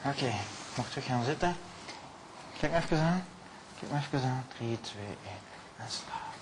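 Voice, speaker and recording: A man working as a stage hypnotist, repeating slow, soothing suggestions and often dropping his voice to a hush. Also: medium pitch, animated, background noise. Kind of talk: hypnosis show patter.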